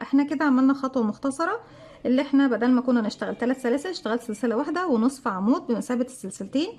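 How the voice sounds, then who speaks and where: A woman's voice: fairly high pitch, a little mellow. A woman with an Egyptian Arabic accent teaching crochet step by step, counting stitches aloud and asking and answering her own questions. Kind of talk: step-by-step tutorial narration.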